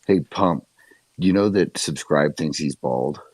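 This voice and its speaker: A man's voice: very deep voice, slow, darkish tone, no echo. A man co-hosting casual, joking banter in bro-ish frat-guy slang.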